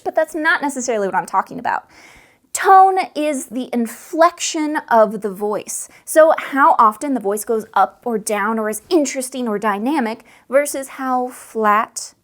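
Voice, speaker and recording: A woman hosting a casual how-to video on tabletop games, chatty and animated. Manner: chatty, animated, demonstrates voices by shifting pace and pitch. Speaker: tabletop game advice host.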